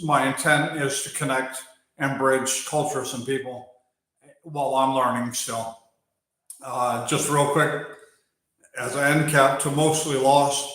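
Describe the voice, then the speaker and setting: On a live stream, a wildlife channel host from Germany with an American accent chats with viewers while working on a bike outdoors or in an open area. His mid-pitched, slightly bright voice echoes heavily around the space. He's unhurried, pausing and filling gaps with "uh" as he answers chat between thoughts.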